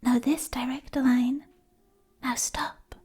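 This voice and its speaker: A woman whispering a poetic ASMR monologue right in the listener's ear on a close binaural mic, in breathy, deliberate, lyrical phrases with long pauses. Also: high-pitched, little pitch movement, darkish tone. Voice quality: breathy, mostly unvoiced whisper. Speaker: ASMR performer. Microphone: close binaural ASMR microphone.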